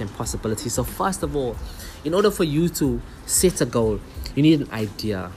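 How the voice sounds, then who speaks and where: A young South African man with a South African accent, hosting his own podcast in an earnest, explanatory way with frequent pauses. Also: medium pitch. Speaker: podcast host. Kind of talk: solo motivational podcast talk.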